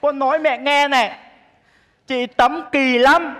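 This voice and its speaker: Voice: sits high, fairly even intonation, slow, background noise. A performer playing a spoiled young daughter who whines and pleads with her mother in a stage comedy. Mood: whiny. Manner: whiny, pleading.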